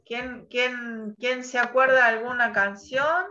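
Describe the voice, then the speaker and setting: A high-voiced woman teaches over a video call, her tone bright and clear. She talks slowly and patiently, quizzing students and spelling out sounds one by one. The call audio is muffled. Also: steady tone. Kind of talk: online class teaching.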